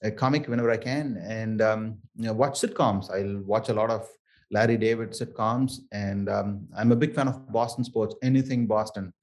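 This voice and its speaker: A man's voice: on the low side, steady tone, normal speed, a little mellow. A man from southern India, a native Tamil speaker with a thick South Indian accent, talking conversationally as an interview guest. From Chennai area, Tamil Nadu, southern India. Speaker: interview guest, Toastmasters member.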